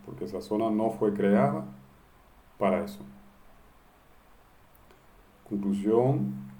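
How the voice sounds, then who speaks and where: A man giving a step-by-step software lesson, posing questions and answering them himself. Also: on the low side. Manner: explains step by step, asking and answering his own questions. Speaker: instructor. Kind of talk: screen-recorded software tutorial.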